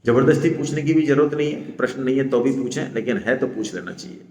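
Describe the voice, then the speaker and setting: A man's voice: medium pitch, darkish tone. A man with a Rajasthani Hindi accent gives a Gita seminar talk, explaining patiently and often checking "है ना?" with his listeners. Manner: explanatory, stresses syllables slowly, asks "है ना?" often. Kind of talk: religious discourse to a seminar audience. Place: seminar hall. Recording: echoey hall with long reverb.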